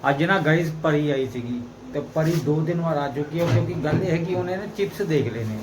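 A man's voice: fairly high pitch, brisk. A man with a Punjabi accent chatting casually for a home vlog, repeating phrases for emphasis, on a noisy handheld recording. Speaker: vlogger's husband filming along.

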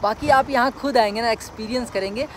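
The recording is very noisy as a young travel vlogger, voice very high-pitched and quick, speaks straight to his viewers. He's outdoors on a windy hill road, chatting casually into a phone held at arm's length.

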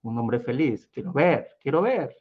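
A man's voice: mid-range voice, expressive, measured pace, slightly rough, narrow, tinny audio. A man voicing a scheming king in disguise in a told story, with a sly, probing manner. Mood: sly curious.

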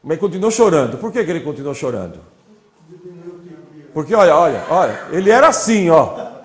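A man gives a loose, chatty classroom lecture, walking his audience through slides. His somewhat high voice swings up and down with lively emphasis. A lecture hall echo surrounds him. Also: a little fast. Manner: chatty, repeats "olha" and "né", pointing to slides.

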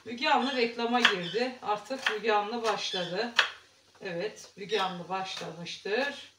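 Cooking in her kitchen at home, a woman with a medium-pitched voice talks slowly and chattily to her viewers in a homely vlog. The sound is roomy, picked up by a distant mic, with heavy background noise.

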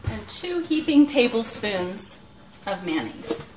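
A middle-aged woman hosts a home cooking show from a small indoor kitchen, demonstrating a recipe step by step in a plain, practical and unhurried way. Her fairly high voice has a sing-song quality. The distant microphone makes the sound roomy and picks up noisy kitchen clatter of dishes, utensils and clicks.

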